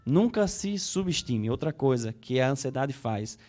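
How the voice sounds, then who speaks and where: In a conversational interview, a male psychologist with a Brazilian Portuguese accent talks a little slowly, his mid-range, slightly mellow voice full of lively intonation. He tends to repeat words as he thinks and voices inner thoughts as if acting them out.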